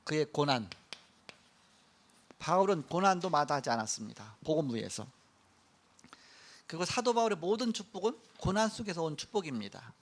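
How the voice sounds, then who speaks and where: A middle-aged male pastor giving a sermon, telling a story with lively acted-out quotes. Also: on the high side, normal speed, pauses often. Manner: animated storytelling, acts out quoted lines.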